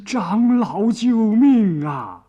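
A man's voice: fairly high pitch, animated, takes it slowly, highs cut off. A man voicing a cunning bone demon disguised as an old man, who wails, pleads and gloats. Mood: pleading. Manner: whining, pleading, then gloating.

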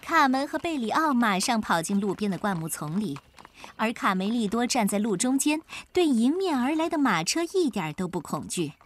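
Animated woman storyteller. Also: fairly high pitch, normal speed, a little hiss or hum. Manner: expressive, animated. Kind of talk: children's story narration.

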